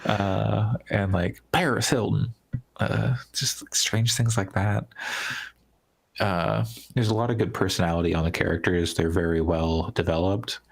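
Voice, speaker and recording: A man's voice: sits low, vocal fry. A man co-hosting a gaming podcast, chatting casually and rambling with lots of "like" and restarts. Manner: rambling, heavy use of "like", trailing restarts. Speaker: podcast co-host.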